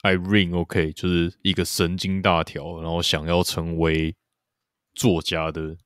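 This podcast co-host has a deep, fairly bright, clean-toned voice with little pitch movement, and he speaks a little slowly. He rambles loosely about a TV series, dropping in lots of fillers and agreeing again and again. The recording is a clean studio one without any room sound.

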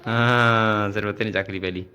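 A man's voice: fairly low pitch, steady tone, moderate pace, background noise. A man hosting a casual family vlog, calling out items in a game and coaxing the children with repeated phrases. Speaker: vlogger running a family game.

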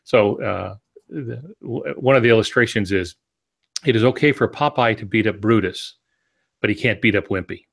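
A man in his sixties, a novelist who co-hosts a podcast, offers casual writing advice laced with dry jokes over a video call. He speaks from a home office through an earbud headset, his lowish voice at a normal pace with some vocal fry.

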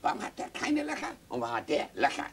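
A man's voice: wildly swooping pitch, fast. A man voicing a nagging, inquisitive little boy in a comic stage reading. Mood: whiny, pestering. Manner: high nagging childish whine. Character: whiny inquisitive little boy pestering his parents.

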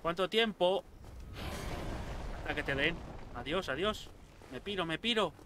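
A young man giving casual let's-play commentary, excitable, swearing a lot and talking back to enemies on screen. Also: high-pitched, measured pace, noisy background. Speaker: gameplay streamer.

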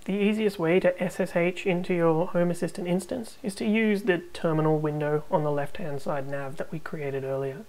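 A woman hosting a tech tutorial, narrating a screen recording with calm, step-by-step instructions. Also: on the low side, moderate pace, hardly any pauses, rough recording.

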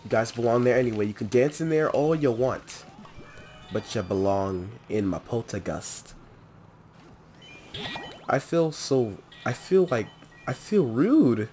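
Young man, let's play commentary, excitable and chatty, lively pitch, faint game music. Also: measured pace, pauses often. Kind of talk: casual gameplay commentary.

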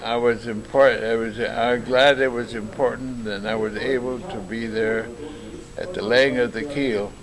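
A man in his nineties, born in Japan, telling stories in a halting, rambling way with many fillers and restarts, recorded by a camera across a table in a large lounge. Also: medium pitch, fairly even intonation, a crowd in the background, low-quality recording. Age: 90s. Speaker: interviewee. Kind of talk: casual storytelling. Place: large bright lounge, indoors.

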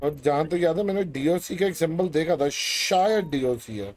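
A man's voice: a little high, expressive, normal speed, darkish tone, soft background music. A man from India streaming a police role-play game, giving orders in casual banter with crude swearing.

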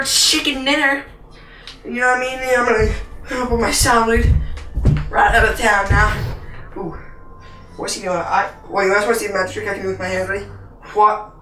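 A woman's voice: fairly high pitch, sharp tone, reverberant, recorded from a distance, a little hiss or hum. A woman hosting a gaming channel, giving playful, rambling commentary on a VR game and playing announcer for herself.

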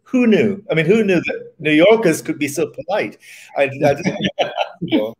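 An older man speaks from his home over a webcam. His talk is relaxed and reflective, with a wry chuckle now and then, like a guest being interviewed. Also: a little high, normal speed. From Scotland. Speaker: theatre director guest. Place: home room indoors. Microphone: webcam on video call.

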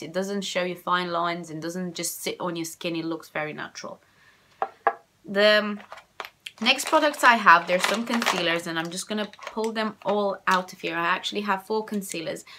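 A woman's voice: lowish voice, sharp tone. A young woman from Romania with a Romanian accent, chatting casually through a beauty product review at home, rambling and repeating herself. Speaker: beauty vlogger. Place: home room with shelves of cosmetics.

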